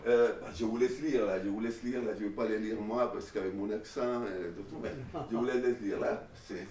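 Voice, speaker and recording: A man giving an informal classroom lecture, animated, with many restarts and fillers. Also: on the low side, normal speed, a little hiss or hum. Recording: echoey room, mic far away.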